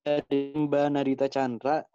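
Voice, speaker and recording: A man's voice: medium pitch, completely flat delivery, measured pace, mellow, muffled recording, faint music behind. A man moderating a webinar, politely relaying audience questions over a video call whose audio keeps breaking up. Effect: choppy audio that keeps cutting out.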